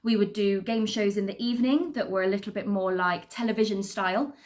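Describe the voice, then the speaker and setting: A British assistant cruise director and entertainer talks informally to camera about her career, upbeat, chatty and articulate. Her mid-range voice holds a steady tone at a slightly fast pace.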